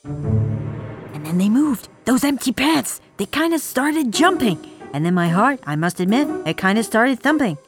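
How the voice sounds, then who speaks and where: A woman reading a rhyming children's story aloud, shifting from hushed lines to shrieking ones. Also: fairly high pitch, very animated, a little slow. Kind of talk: dramatic storybook read-aloud. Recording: music playing behind the voice.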